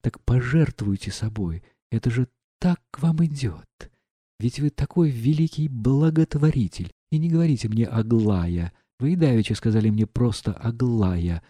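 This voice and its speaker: Мужчина-чтец, озвучивающий гордую страстную молодую дворянку, говорит взволнованно и с упрёком. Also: male voice, mid-range voice, normal speed, dark tone, slightly rough, no echo, clean studio sound, natural voice. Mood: agitated. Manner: agitated, reproachful questioning. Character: proud passionate young noblewoman.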